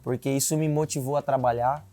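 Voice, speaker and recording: A man's voice: medium pitch, steady tone, brisk, mellow, faint music behind. A man in his twenties, a city council candidate, earnestly telling his life story in an interview, often adding filler tags. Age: 20s.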